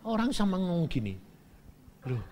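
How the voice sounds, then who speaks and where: Older Javanese-accented male preacher, storytelling, highish and very lively, in a reverberant hall. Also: unhurried. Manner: animated, acts out dialogue. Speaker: pastor. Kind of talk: storytelling sermon. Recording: echoey church hall.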